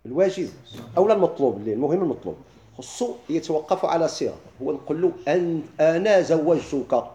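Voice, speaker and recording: A middle-aged man with a Moroccan accent, teaching a classroom lesson. He keeps asking his listeners quick questions and then answers them himself. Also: fairly high pitch, sing-song, warm tone, roomy sound. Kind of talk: classroom lesson explaining legal theory.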